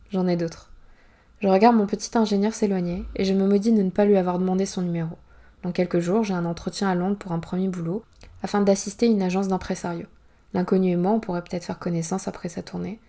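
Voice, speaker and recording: Gravelly-voiced woman reading her novel. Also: medium pitch, dark tone. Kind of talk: audiobook reading, first-person narration.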